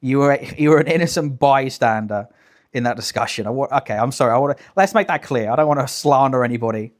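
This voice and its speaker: A man's voice: medium pitch, expressive, fast talker. A young British man doing casual livestream reaction commentary, blunt, sweary and emphatic in an incredulous way. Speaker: live streamer commenting on clips.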